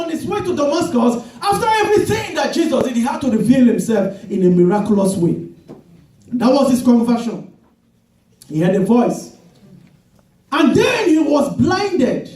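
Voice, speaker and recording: A male pastor preaching a sermon, swinging between loud shouted emphasis and slow drawn-out phrases. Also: sits high. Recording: echoey room from a distance.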